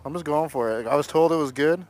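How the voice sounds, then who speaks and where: A man's voice: fairly high pitch, fast, darkish tone. A young man vlogging from his motorcycle, chatting casually and laughing at himself as he rides with a club. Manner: chatty, self-mocking, laughs often. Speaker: motovlogger. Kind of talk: casual vlog commentary while riding. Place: outdoors on a motorcycle in city traffic. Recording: road and engine noise behind.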